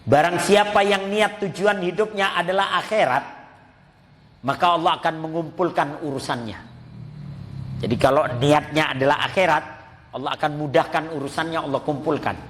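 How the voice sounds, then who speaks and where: A man's voice: on the high side, fairly even intonation, moderate pace, a bit bright, a little hiss or hum. A man giving a mosque sermon, telling stories, acting out the voices in them and addressing his listeners as Pak. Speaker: preacher. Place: mosque hall. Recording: long reverb of a mosque hall.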